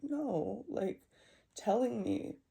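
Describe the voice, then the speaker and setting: A young woman venting to camera about her struggles, upset and halting, often repeating herself. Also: a little high, expressive, creaky, mellow, husky. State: distressed. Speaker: vlogger. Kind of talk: emotional personal vent.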